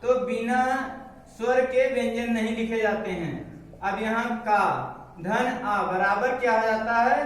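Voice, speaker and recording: Slow, high-voiced man teaching in echoey classroom. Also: fairly bright tone. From India. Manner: repeats words slowly, asks and answers his own questions. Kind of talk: classroom grammar lesson at a board. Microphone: far from the mic. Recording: echoey classroom, voice far from the mic.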